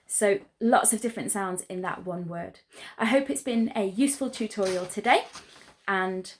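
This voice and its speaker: A woman teaching a pronunciation lesson, explaining sounds in a clear, patient and encouraging way. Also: mid-range voice, normal speed. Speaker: language teacher.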